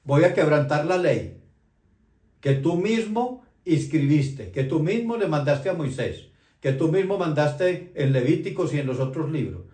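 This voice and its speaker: An anxious, devout man pleads and protests with raised voice, as a preacher acts him out in a sermon. His tone stays mellow. An echoey room carries it. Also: fairly high pitch, animated, measured pace, distant mic, voice pushed up. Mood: protesting.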